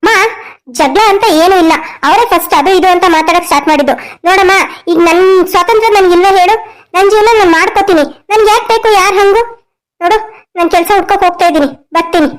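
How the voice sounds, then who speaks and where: A woman's voice: extremely high pitch, fast talker, poor audio. A woman voicing a defiant, headstrong young woman in a cartoon story, answering back bluntly.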